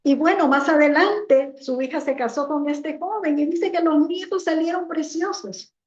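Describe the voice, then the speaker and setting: High-voiced woman preaching in an echoey church. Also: normal speed, dull audio. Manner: storytelling preacher acting out voices in quotes. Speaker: pastor. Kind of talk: sermon.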